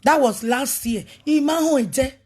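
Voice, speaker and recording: A ministry leader, a woman, gives an animated talk on a livestream, mixing pidgin, English and a local language in a preachy, emphatic manner. She has a high voice, a little mellow and slightly rough, at a moderate pace.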